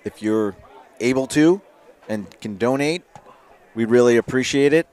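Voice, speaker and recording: A man giving live paintball commentary in a relaxed way, with many fillers and restarts. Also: medium pitch, a little slow, a little hiss or hum.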